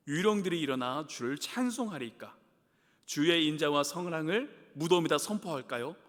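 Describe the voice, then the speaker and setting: A man's voice: fairly high pitch, a bit bright. A man preaching a Wednesday evening sermon as pastor. He puts questions to the congregation and voices the psalmist's laments. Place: church sanctuary. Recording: long hall reverb in a church.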